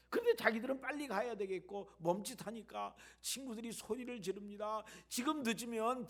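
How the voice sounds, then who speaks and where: A man preaching a sermon as a pastor in a church, telling stories that swing between loud emphasis and hushed near-whispers. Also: high-pitched, gravelly.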